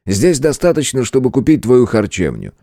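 A man's voice: mid-range voice, huge pitch swings, normal speed, dark tone, no room sound, clean studio sound, voice pushed up. A man voicing a curt, domineering young lord who gives orders, in an audiobook. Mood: commanding. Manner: curt, commanding. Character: young lordly male hero, cold and domineering.

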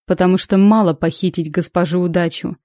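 A woman's voice: lowish voice, fairly even intonation, a little fast, dark tone, no room sound, clean studio sound, close to an everyday voice. A woman voicing a stubborn, lovestruck male space pirate in an audiobook, speaking in a coaxing, self-assured way.

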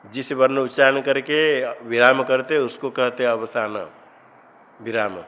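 A male teacher gives a slow, deliberate grammar lesson in an ashram classroom. He keeps putting short questions to his class, then recites each rule in a measured, mid-pitched voice. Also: fairly bright tone, lo-fi sound.

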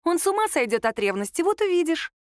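A woman's voice: very high-pitched, very animated, fast, no echo, clean studio sound, voice pushed up. A woman reading an audiobook, voicing a confident, teasing young woman reassuring her friend.

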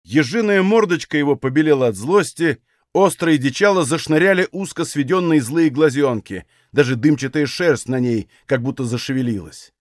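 A male audiobook narrator reading a novel in a measured, expressive way. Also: on the high side, no room sound, clean studio sound. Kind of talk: scripted narration.

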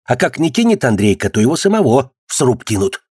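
A man's voice: mid-range voice, sing-song, a little fast, a little mellow, breathy edge, dry recording, studio quality. A man voicing a boastful, gossipy male street trader who claims to know everything.

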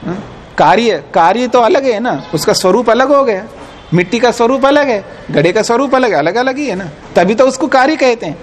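High-pitched male teacher lecturing firmly, a faint hiss behind. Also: expressive, brisk. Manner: explains patiently, quizzes listeners, firm and insistent. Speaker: teacher of philosophy. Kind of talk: classroom lecture on scripture.

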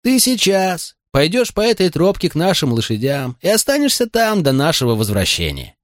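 A level-headed frontier sheriff who speaks firmly and calmly, with lively pitch movement, as a male narrator acts him. The take is dry and close. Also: normal speed, dry recording. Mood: firm steady. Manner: firm, calming.

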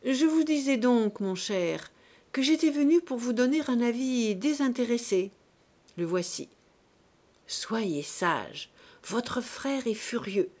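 A woman voicing a shrewd, unhurried male politician with a sly, matter-of-fact manner in an audiobook. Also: on the high side, expressive, a little mellow. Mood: calm. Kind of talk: audiobook character voice.

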